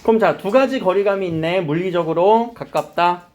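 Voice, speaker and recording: Sitting high in pitch and keeping a moderate pace, a middle-aged man lectures a class on literature. He's lively, explaining terms and questioning the students often as he goes.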